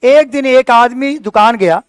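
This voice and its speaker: A man with a very high, smooth voice teaching a class. He explains each point patiently and keeps checking with his students. The sound is dry and close. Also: measured pace, no room sound. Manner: explanatory, asks students questions. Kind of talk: classroom lecture.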